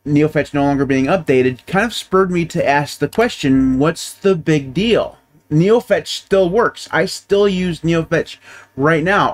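A man in his thirties hosting a tech show, talking casually from a small home office into a desk microphone, thinking aloud with small restarts. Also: a little high. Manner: conversational, repeats and restarts while thinking aloud. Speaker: tech channel host. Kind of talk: casual explainer monologue. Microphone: desk microphone on boom arm.

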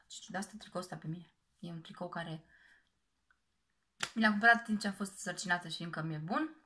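A woman's voice: mid-range voice, a bit bright. A young woman vlogging to camera, chatting candidly and straight to her viewers. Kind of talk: casual vlog to camera.

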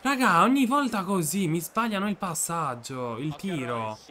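Young guy w a sore dry throat yelling over his football game, bright sharp voice kinda high. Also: expressive, normal speed. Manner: swings from muttering to shouting at goals. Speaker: gaming video creator. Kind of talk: excitable football game commentary.

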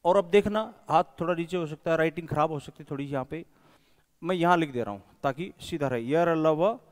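A man's voice: a little high, a little fast. A male coaching teacher giving a whiteboard lesson, patiently drilling sounds one by one and calling his viewers friends. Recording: echoey room with long reverb.

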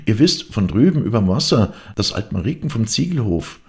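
A man's voice: medium pitch, wildly swooping pitch, moderate pace, gravelly, darkish tone, voice pushed up. A man doing a breathless gossiping farm maid. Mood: eager fear. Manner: eager, gossipy storytelling.

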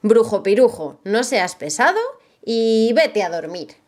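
Woman playing a clever little storybook girl, teasing, sing-song rhymes, bouncy pitch. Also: lively intonation, a little slow, darkish tone.

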